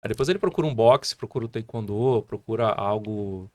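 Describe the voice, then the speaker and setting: A man in his thirties with a Brazilian Portuguese accent, a martial arts instructor talking as a podcast guest and telling animated stories full of fillers. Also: lowish voice, fairly quick, dry recording, clean studio sound. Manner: animated storytelling with many fillers. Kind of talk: casual podcast conversation.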